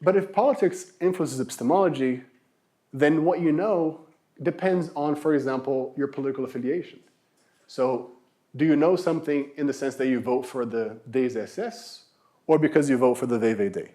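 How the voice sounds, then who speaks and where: A man in his thirties lecturing to a university class in a mellow, darker voice. He explains step by step, poses rhetorical questions and repeats key words for emphasis. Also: mid-range voice, normal speed. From Brazil.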